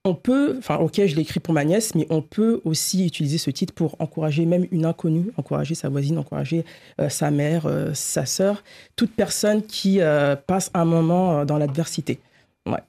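Woman cohost, gravelly voice, steady and measured. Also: deep voice. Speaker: podcast co-host. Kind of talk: casual chat.

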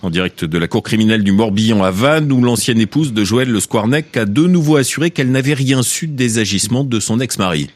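A man reading the evening news as a radio anchor, with a measured, steady delivery. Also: mid-range voice, no echo.

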